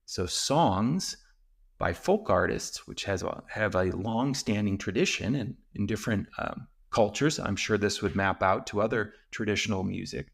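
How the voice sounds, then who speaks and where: A man hosting a solo talk show, calmly explaining ideas and slowing down to stress key points. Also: on the low side, gravelly, breathy edge. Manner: calm and explanatory, with slow emphatic stretches. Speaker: podcast host and men's coach.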